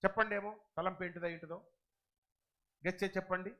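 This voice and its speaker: A man preaching a church sermon, swinging from quiet asides to loud exclamations and quizzing the congregation. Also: high voice, steady tone, quick pace, muffled recording. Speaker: pastor.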